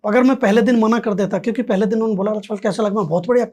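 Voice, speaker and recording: A man's voice: high-pitched, fairly even intonation, rapid-fire, a little mellow. A man, a podcast guest, telling a story in casual conversation and acting out both sides of the dialogue.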